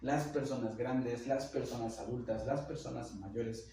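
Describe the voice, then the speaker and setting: A young man with a Mexican Spanish accent, a native Nahuatl speaker, giving a casual language lesson and slowly repeating words for learners. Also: medium pitch, fairly even intonation, dark tone, a little hiss or hum. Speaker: language teacher. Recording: echoey room, heard from a distance.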